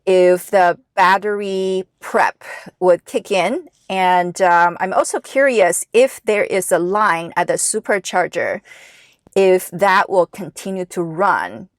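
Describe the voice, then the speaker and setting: Slow, dry-sounding woman vlogger from Taiwan, a native Chinese speaker, who explains step by step. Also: fairly low pitch, no echo. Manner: chatty and explanatory, walking viewers through steps. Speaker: car vlogger. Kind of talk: casual vlog narration. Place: inside her car.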